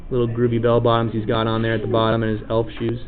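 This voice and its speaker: A man with a mid-range voice teaches a class, speaking fast in a completely flat delivery as he casually calls on students one by one and encourages their answers. The tinny, lo-fi recording carries slight background noise and the chatter of students.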